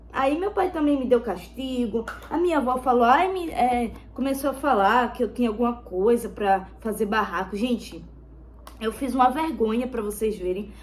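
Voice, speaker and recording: Girl talking into her phone doing makeup, pretty high voice, keeps repeating stuff and calling out to viewers. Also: slight background noise. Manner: rambling, repeats herself, keeps addressing viewers as "gente". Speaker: vlogger. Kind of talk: casual storytelling while doing makeup.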